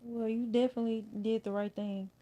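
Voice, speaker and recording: A woman's voice: a little high, little pitch movement, fairly quick, dark tone, muffled recording. A woman guest on a podcast, giving blunt, opinionated takes in casual slang.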